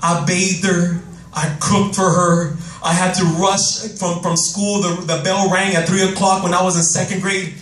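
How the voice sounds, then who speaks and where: A man giving an emotional, animated motivational talk to young people, telling his life story into a handheld microphone and often repeating himself when stirred up. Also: sits high, normal speed. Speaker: motivational speaker. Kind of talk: personal storytelling speech to youth. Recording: roomy, distant microphone sound.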